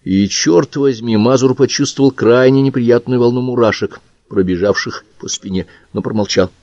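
A man narrating an audiobook in a steady storytelling manner. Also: medium pitch, moderate pace, no room sound, highs cut off. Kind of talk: scripted narration.

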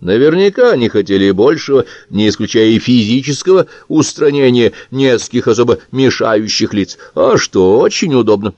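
A male audiobook reader voicing a heated, blunt Georgian man who talks emphatically in a higher voice. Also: lively intonation, moderate pace, hardly any pauses, darkish tone, no echo, lo-fi sound, natural voice. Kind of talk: audiobook character reading.

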